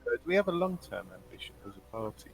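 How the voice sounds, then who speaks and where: Gravelly-voiced male tabletop player. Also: a little high, very animated, very fast, rough recording. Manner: eager, chatty. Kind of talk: casual tabletop game chat.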